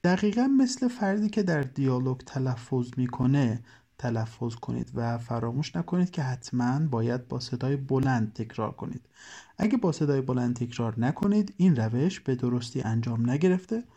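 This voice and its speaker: A language teacher gives calm, clear instructional narration. The voice rises and falls often, keeping the explanations lively. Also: medium pitch.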